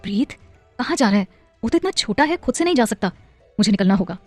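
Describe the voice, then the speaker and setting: A woman reading a story aloud, voicing a loving husband and father who tries to calm his anxious wife. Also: on the high side, fast talker, dry recording, soft background music. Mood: urgent. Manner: soothing then urgent. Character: adult man, worried loving husband and father.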